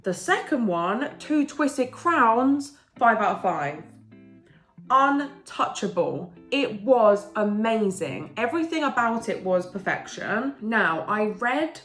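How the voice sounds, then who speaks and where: Her voice fairly high and a bit bright, this English woman speaks slowly with a sing-song lilt as she enthuses about recent books in a casual review chat. A cold has left her nose blocked, but she stays eager and chatty. Soft music plays in an echoey room.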